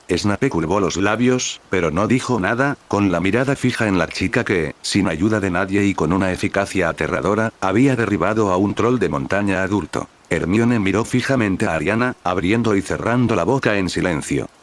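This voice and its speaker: Guy reading a fanfic story out loud, really low voice, steady and even. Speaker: narrator. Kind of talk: scripted fanfic narration.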